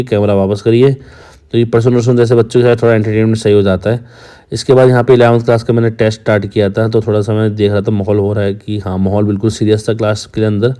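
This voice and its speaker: A young man with a low, dark, mellow voice narrates his day at his coaching class in a casual vlog voice-over. His delivery stays fairly flat, and he keeps joking and teasing his students. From Uttarakhand. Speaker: coaching teacher and vlogger.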